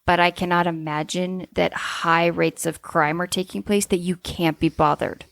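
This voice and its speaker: A woman's voice: lowish voice, steady tone, moderate pace, vocal fry, fairly bright tone, no room sound. A woman co-hosting a casual true-crime discussion, speaking in an opinionated, emphatic way. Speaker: podcast co-host.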